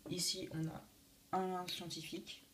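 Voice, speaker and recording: A teenage boy presenting his Lego build for his channel in a casual, halting way, often restarting his sentences. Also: high-pitched, little pitch movement, fairly bright tone, a little hiss or hum. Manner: hesitant, many fillers and restarts. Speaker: YouTube host showing a Lego build. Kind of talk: casual video walkthrough.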